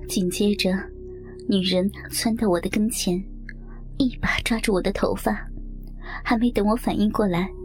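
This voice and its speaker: A woman reading a first-person story aloud in a soft, half-whispered delivery. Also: medium pitch.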